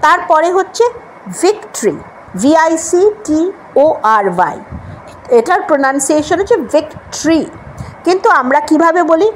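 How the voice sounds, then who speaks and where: High-voiced Bengali woman teaching pronunciation. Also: lively intonation, normal speed, slight background noise, poor audio. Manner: spells out words letter by letter, repeats them for drilling. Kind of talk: classroom lesson at a board. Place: classroom with a board.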